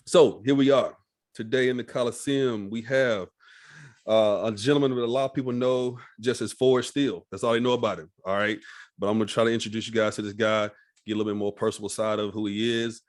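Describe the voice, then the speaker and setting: A man's voice: lowish voice, fairly even intonation, a little fast. A man hosting a podcast interview, laid-back and casual, often tagging "all right?" and swearing freely. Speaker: podcast host.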